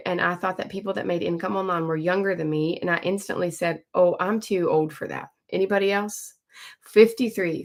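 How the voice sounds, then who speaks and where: A livestream host in her forties chats casually with viewers from home, greeting them by name and often clearing her throat. Her voice is medium-pitched with a fairly bright tone.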